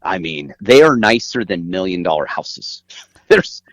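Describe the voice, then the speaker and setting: A man's voice: low voice, big pitch swings, measured pace, a bit bright, no room sound. A man giving emphatic, conversational explanations as an interview guest, recorded inside an RV. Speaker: guest author.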